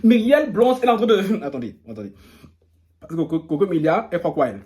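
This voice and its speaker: Male gossip vlogger, high-pitched, playful and teasing, reads posts aloud and mocks them. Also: sing-song, fast, darkish tone. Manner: playful, teasing, laughs often. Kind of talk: casual gossip commentary.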